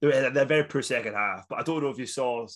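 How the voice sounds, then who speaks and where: A young adult man with a Scottish accent speaks at a medium pitch and a quick pace. He's co-hosting a casual football podcast, rambling through the chat with fillers and laughter.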